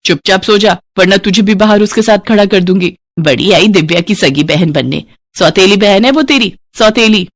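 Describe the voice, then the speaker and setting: Woman voicing cruel stepmother, harsh, mocking, threatening, animated storybook. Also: medium pitch, moderate pace, natural voice. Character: cruel, scolding stepmother in a village.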